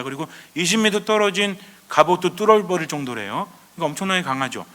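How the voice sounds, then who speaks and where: Priest guy telling stories in a sermon, bright fairly high voice, big echoey hall. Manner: lively storytelling with rhetorical questions. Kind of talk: Advent lecture sermon.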